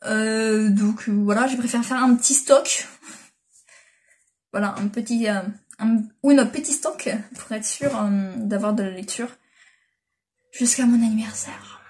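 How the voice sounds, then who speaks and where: This young woman's voice is a little high and a little mellow, and she takes her time. She's a manga vlogger chatting casually into a built-in device mic, full of fillers and restarts as she rambles.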